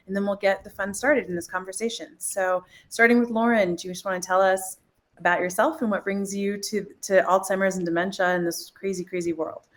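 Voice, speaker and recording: Woman, panel moderator, upbeat, brisk, mid-pitched. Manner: upbeat, quick introductions. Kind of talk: hosting a panel discussion.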